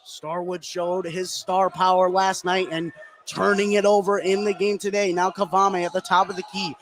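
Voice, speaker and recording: Gym noise fills this recording of a man giving live play-by-play for a high school basketball game indoors. He has a high voice, a level tone, and a moderate pace, and his delivery builds as the play grows more intense.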